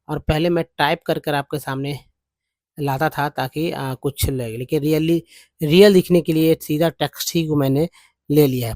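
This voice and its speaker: A man's voice: a little high, a little mellow, no room sound. A man teaching English reading in Hindi. He sounds out English words syllable by syllable with an Indian accent and talks to viewers as friends. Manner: reads English text word by word, slowly sounding out syllables; addresses viewers as friends, repeating and explaining patiently.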